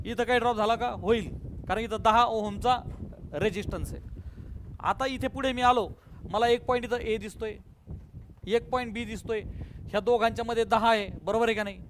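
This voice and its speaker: A man's voice: high-pitched, steady tone, normal speed, long pauses, fairly bright tone, slight background noise. A male physics teacher with a Marathi accent lecturing a class, coaxing answers from students and calling them बाळा and बेटा.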